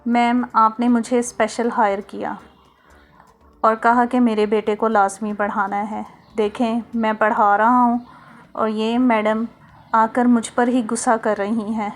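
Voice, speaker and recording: A woman's voice: on the high side, flat delivery, unhurried, natural voice. A woman reading a storybook, voicing a harsh male home tutor who speaks curtly and defensively. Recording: soft music underneath.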